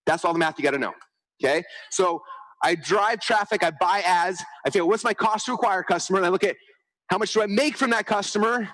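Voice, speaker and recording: This high-pitched conference speaker, roughly recorded, presents a live marketing talk in a conference hall. He spins animated stories, performs the quotes he cites, and checks in with listeners again and again with "okay?".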